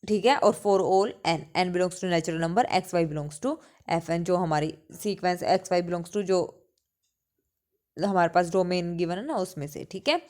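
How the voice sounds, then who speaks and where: A mathematics teacher with a lowish, slightly mellow voice speaks slowly through an exam-prep lecture. She mixes English math terms into her Hindi, poses questions and answers them herself, and repeats the key points.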